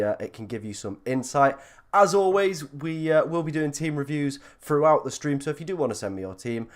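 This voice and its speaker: A male livestream host talks in a chatty, informal way. His voice is croaky and froggy, as he is ill and under the weather. He is self-deprecating as he addresses his viewers. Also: medium pitch. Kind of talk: casual livestream chat.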